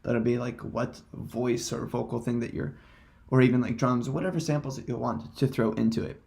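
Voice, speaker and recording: Speaking at medium pitch in a level, creaky tone, a man gives an informal software tutorial, his unscripted wording halting and hesitant.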